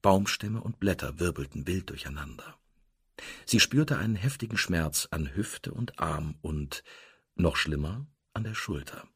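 A man narrating a novel in an expressive storytelling manner. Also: sits low, measured pace, breathy edge, dry recording, clean studio sound. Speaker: audiobook narrator. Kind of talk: scripted narration.

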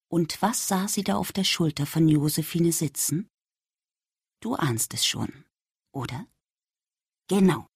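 A woman reading a children's story aloud, speaking gently and addressing the young listener directly. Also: low voice, husky, dry recording, studio quality.

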